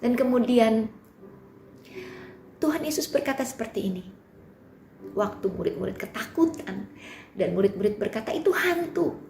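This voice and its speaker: A woman preaching a sermon at a youth service, emphatic, swinging from loud declarations down to soft near-whispers. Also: a little high, steady tone, normal speed, pauses often, slight background noise. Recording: roomy sound with clear music behind.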